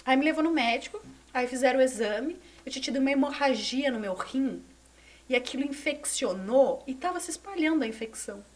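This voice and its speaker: A woman in her thirties from Brazil, a former gymnast telling her story as a podcast guest, animated and repeating words for emphasis. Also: high-pitched, a little fast. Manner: animated, repeats words for emphasis, drops to near whisper at moments. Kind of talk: conversational storytelling. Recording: voice somewhat distant from the mic.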